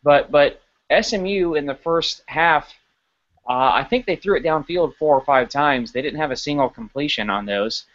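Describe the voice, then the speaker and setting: Male podcast co-host, casual game analysis, quick restarts, lo-fi audio. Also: on the high side. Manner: animated, stumbling restarts while analyzing. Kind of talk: casual sports podcast chat.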